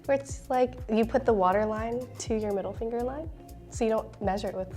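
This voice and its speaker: A woman's voice: on the high side, a little fast, a little mellow, soft background music. Chatty young-sounding woman, mukbang guest. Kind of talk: casual mukbang chat.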